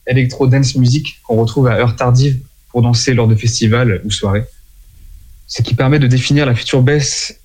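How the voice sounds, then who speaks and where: A man talks through a music genre for an audience, explaining it step by step at a middle pitch. He stumbles over a word now and then and excuses himself before going on. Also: darkish tone, breathy edge. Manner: explanatory, with small slips and apologies. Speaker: music presenter.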